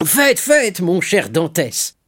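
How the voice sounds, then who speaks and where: A man reading aloud, voicing an excitable, warm-hearted older shipowner in an audiobook. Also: mid-range voice, moderate pace, husky. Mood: approving.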